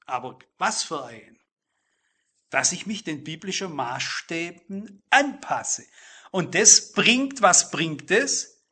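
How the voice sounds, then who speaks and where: A middle-aged man preaching a sermon, speaking straight to the congregation and slowing down to stress key phrases. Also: on the high side, expressive, pushed and bright, husky. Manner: addresses listeners directly, emphatic with slow stressed phrases.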